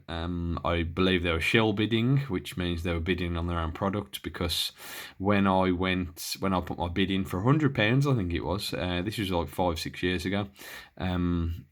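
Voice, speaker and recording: A British hobbyist gives a casual, unscripted demo and review of his radio gear, rambling, hesitant and often interrupting himself. His voice is deep but a bit bright, recorded on a handheld camera.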